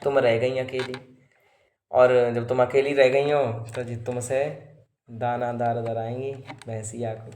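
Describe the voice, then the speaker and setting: A man's voice: mid-range voice, flat delivery, measured pace, darkish tone, pitched below the performer's own voice, close to an everyday voice. A man voicing a sly scheming maidservant. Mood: coaxing. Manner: coaxing, urgent advice. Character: scheming old maidservant woman, sly and persuasive. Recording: echoey roomy sound.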